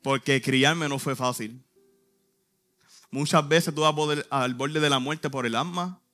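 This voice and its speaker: A man's voice: medium pitch, takes it slowly, a bit bright, faint music behind. A man, a youth pastor giving an earnest, emotional church testimony in short phrases. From Puerto Rico.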